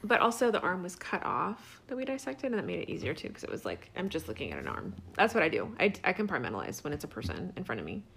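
A woman's voice: on the low side, very animated, quick pace, gravelly, few pauses, fairly bright tone, slight background noise. A middle-aged woman co-hosting a podcast, chatting casually and trailing off mid-thought. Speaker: podcast co-host. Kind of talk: casual chat.

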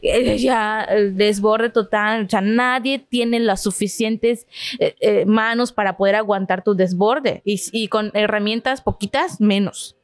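A woman's voice: medium pitch, fairly even intonation, unhurried, dry recording. A Mexican woman, a psychologist and family therapist, talks in a podcast conversation and explains with personal anecdotes, acting out quoted feelings.

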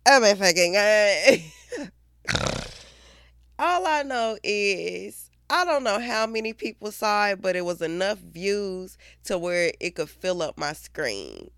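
A young woman hosts her own podcast the morning after drinking, still drowsy and hung over. She speaks slowly with a gravelly edge, swearing and addressing her listeners directly. The recording is close and dry. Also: mid-range voice, lively intonation, fairly bright tone, no echo. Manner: profane, laughing, talks straight to listeners. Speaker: podcast host. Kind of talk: casual podcast monologue.

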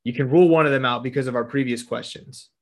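Young guy hosting a quiz chat, mid-pitched, swears a bit, laughs a lot. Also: fast. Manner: swears casually, reads quiz options aloud, laughs often. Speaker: podcast host reading quiz questions. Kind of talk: casual chat.

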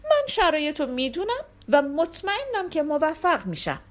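A woman's voice: high-pitched, very animated, voice pushed up. A woman storyteller voicing a young king who speaks politely and earnestly.

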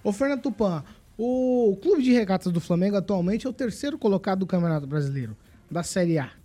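A man's voice: sits high, expressive, fast, mellow. A man hosting a morning radio show, chatty and playful, greeting listeners by name.

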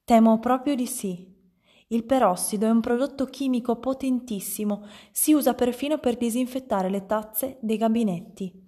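Una donna che legge ad alta voce e fa una madre di mezza età stridula che sgrida il marito. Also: female voice, moderate pace, mellow, close to an everyday voice. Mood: shrill. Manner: shrill, scolding. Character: shrill scolding middle-aged mother.

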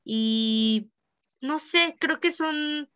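A woman's voice: sits high, very slow, highs cut off. A young woman with a Mexican accent, chatting casually and telling a story, acting out what people said. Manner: lively storyteller acting out quoted speech.

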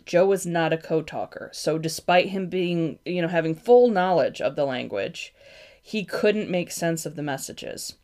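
Young woman, low voice, podcast host reading a history script with casual asides. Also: darkish tone. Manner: reads from a script, stumbles on names and apologizes.

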